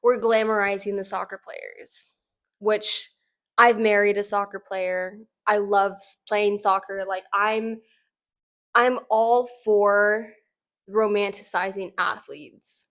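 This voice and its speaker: A woman's voice: mid-range voice, fairly even intonation, takes it slowly, a bit bright. A woman giving casual, opinionated fashion commentary in an informal, conversational way, peppering her sentences with "like". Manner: informal, conversational, frequent "like" as emphasis.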